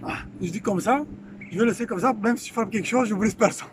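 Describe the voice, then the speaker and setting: A man with a Quebec French accent explaining things aboard a sailboat, pausing and restarting as he talks. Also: sits high, noisy background. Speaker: sailing vlog co-host. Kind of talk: casual explaining. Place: aboard a sailboat at a dock, outdoors.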